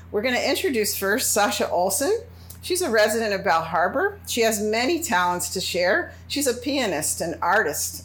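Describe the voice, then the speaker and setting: A woman hosting an interview, chatty and quick to laugh. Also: medium pitch. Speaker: host.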